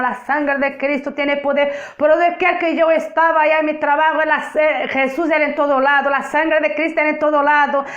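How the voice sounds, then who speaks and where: Portuguese woman, non-native, emphatic testimony preacher; higher voice, muffled lo-fi recording. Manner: emphatic, repeats phrases for effect. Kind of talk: spoken testimony sermon.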